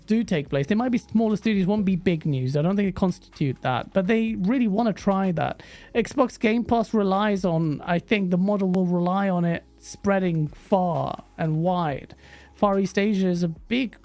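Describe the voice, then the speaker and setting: A woman's voice: fairly low pitch, warm tone. A woman hosting a casual livestream chat, rambling and chatty with many fillers. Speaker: host.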